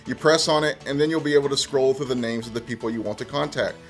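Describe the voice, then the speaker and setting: A tech presenter in his thirties narrates a casual how-to tutorial, walking through it step by step in a conversational manner. His pitch is medium, his pace quick, and faint music plays behind him.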